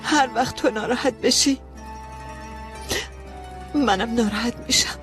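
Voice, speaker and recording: A woman doing a grieving sister, weary, sharp, tearful, dubbed drama, clear music behind. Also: on the high side, close to an everyday voice. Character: grieving young woman who lost her sister.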